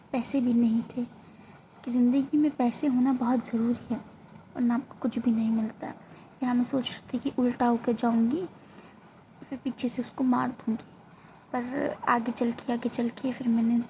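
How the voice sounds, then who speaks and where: Female gaming creator, jokey self-deprecating commentary, slightly high voice, mellow tone. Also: slight background noise, poor audio. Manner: self-mocking, joking voice-over narration. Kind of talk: casual gameplay commentary. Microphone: phone.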